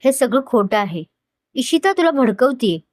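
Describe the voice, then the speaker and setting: A woman's voice: fairly high pitch, very animated, moderate pace, a little mellow, dry recording. A woman voicing a possessive, hot-tempered young man with a commanding, intense manner, in a dry close recording. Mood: angry.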